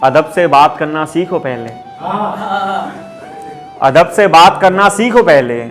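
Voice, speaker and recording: At an open mic in Mumbai, a male poet with a slightly high, fairly bright voice declaims ghazal couplets at a slow pace with lively intonation. He repeats each couplet with mounting emphasis while an instrument plays softly but clearly behind him.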